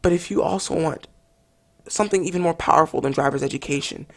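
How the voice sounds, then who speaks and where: A woman reviews a game in an overdramatic, mock-earnest parody monologue. Her voice sits a little low for a woman. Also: fast talker.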